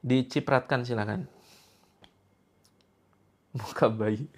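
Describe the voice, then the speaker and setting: A sixties-aged preacher conducts a healing session for a live crowd, joking freely and teasing in a playful manner. He speaks slowly in a mid-range voice.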